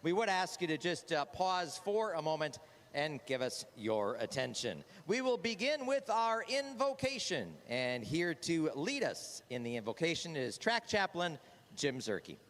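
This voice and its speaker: A man's voice: on the high side, very animated, a little slow, a bit bright. A man making formal public-address ceremony announcements as the track announcer at a racetrack. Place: outdoor racetrack over loudspeakers. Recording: echoey racetrack PA with long reverb, noisy.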